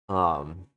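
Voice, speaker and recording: A man streaming live from his woodworking shop, chatting casually with viewers in a relaxed, rambling way. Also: low-pitched, vocal fry, no room sound. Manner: relaxed, rambling, chats with viewers between tasks. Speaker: woodworking livestreamer. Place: home workshop.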